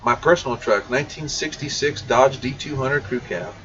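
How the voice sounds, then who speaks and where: On a CB radio shop livestream, a man hosts an easygoing Q&A, reading viewer questions aloud and responding to them bluntly and informally. His voice is medium in pitch and fairly bright, at a normal speed. The mic sounds dull and far away, with faint noise in the background.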